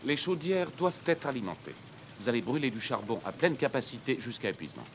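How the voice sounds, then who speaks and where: An actor playing a composed, resolute gentleman traveller in his thirties, polite and clipped, in a French film dub. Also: mid-range voice, sing-song, a little fast, slight background noise. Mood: firm. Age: 30s.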